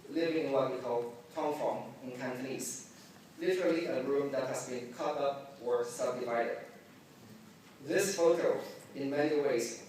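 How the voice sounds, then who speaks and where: A man raised in the Philippines delivers a measured, formal welcome speech at a mid pitch. His voice reaches the mic from a distance and rings out through a very echoey hall. A faint hum of room sound sits behind him. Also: a little mellow. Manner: measured, deliberate delivery with occasional slips. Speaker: forum organizer giving welcome remarks. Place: large conference hall.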